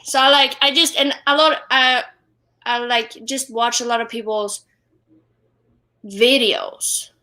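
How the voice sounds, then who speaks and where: A young woman with a Swedish accent speaks in a bright, somewhat high voice. She is a drummer in a casual live-stream interview, and her talk halts often on fillers and restarts. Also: steady tone. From Sweden. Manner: halting, many fillers and restarts. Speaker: guest drummer. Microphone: wireless headphones.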